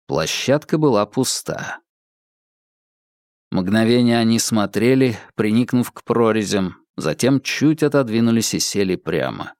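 A man narrating an audiobook in a measured, even reading. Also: mid-range voice, dry recording, clean studio sound. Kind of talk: scripted narration.

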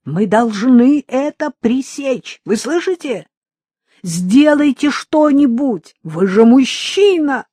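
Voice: medium pitch, lively intonation, a little slow, a little mellow, breathy edge, dry recording, clean studio sound. A reader voicing a frantic, tearful deceived wife who pleads breathlessly down the phone in an audiobook. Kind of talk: audiobook reading.

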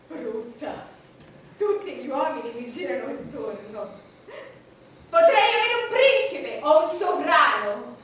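Imperious high-pitched Queen Elizabeth I, echoing stage. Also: a bit bright, slight background noise, exaggerated voice. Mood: taunting, haughty. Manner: declamatory, drawn-out, scornful, swinging from brooding to cackling. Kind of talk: theatrical stage monologue. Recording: echoey, distant stage recording with music.

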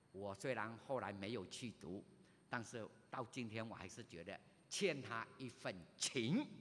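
Animated older pastor in an echoing hall. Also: male voice, mid-range voice. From Malaysia. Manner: animated storytelling with sudden loud rises. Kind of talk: sermon, personal testimony. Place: church sanctuary. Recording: reverberant church hall.

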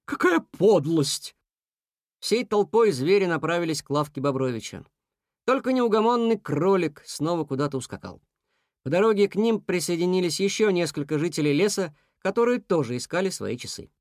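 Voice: medium pitch, a little fast, no room sound, studio quality. A narrator reading a children's fairy tale aloud and voicing every animal. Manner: expressive storytelling, does all voices. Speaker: audiobook narrator.

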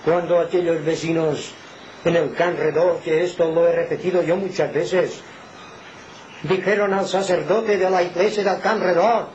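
Fervent older man preaching, high-pitched voice. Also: steady tone, normal speed. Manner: fervent, rhetorical questions, swings between loud exhortation and hushed emphasis. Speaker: lay preacher. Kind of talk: impassioned home sermon. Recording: muffled, with faint background noise.

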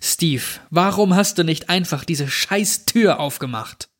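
A panicked young man pleads and shouts in a raised, higher voice, as a male narrator puts him on. He sounds desperate and frightened. He draws his words out slowly. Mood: angry.

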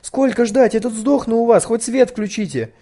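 A man's voice: on the high side, brisk, mellow, close to an everyday voice. A man voicing a frightened, chatty schoolgirl who squeals and pleads breathlessly. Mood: panicked.

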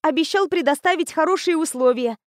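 A woman voicing an excitable fifteen-year-old girl who gushes about medicine in a rapid, eager chatter. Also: high voice, dry recording, clean studio sound, voice pushed up, close to an everyday voice. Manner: rapid, gushing, breathless enthusiasm.

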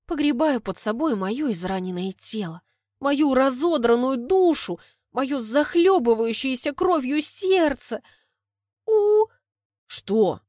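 A woman narrating a first-person audiobook in a lively, ironic storytelling manner, recorded on a close studio mic. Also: high voice, a little slow, dry recording.

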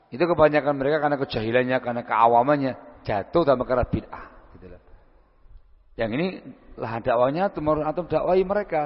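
Preacher man in an echoing hall. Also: mid-range voice. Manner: lively, acts out short everyday dialogues, frequent Arabic phrases. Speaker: Islamic preacher answering questions. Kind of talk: lecture-style Q&A sermon. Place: large hall at a study gathering. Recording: dull lo-fi sound, long hall reverb.

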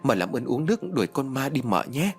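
A man's voice: medium pitch, very animated, brisk, natural voice. A man voicing a timid, frightened young servant girl in an audiobook ghost story. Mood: pleading.

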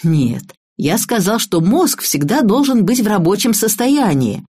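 A woman's voice: mid-range voice, sing-song, unhurried, dark tone, breathy edge, pitched above the performer's own voice. A woman voicing a brusque, sarcastic young man who talks in short, curt phrases.

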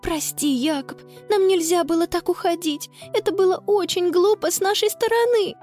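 A woman's voice: extremely high pitch, very animated, measured pace, soft background music, voice pushed up, exaggerated voice. A woman voicing a frightened, bossy young girl who calls out urgently in a children's storybook. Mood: apologetic. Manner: pleading, urgent shouts.

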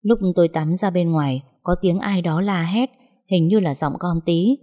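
A woman's voice: fairly low pitch, normal speed. A woman narrating a first-person love story in a chatty way, talking to her listeners. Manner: warm, chatty, addresses listeners.

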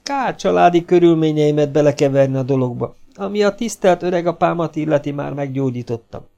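A man's voice: on the high side, creaky, mellow, pitched above the performer's own voice. A man playing a smug, pompous young doctor. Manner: smug, patronizing, self-satisfied. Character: pompous young male asylum doctor, condescending.

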